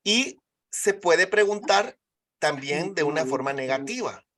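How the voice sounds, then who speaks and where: A teacher walks students through grammar, speaking with English examples. The voice sits at a medium pitch, and the delivery is patient, repetitive and full of comprehension checks. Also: expressive, a little slow, fairly bright tone. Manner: patient, repeats and checks understanding. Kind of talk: live online English class.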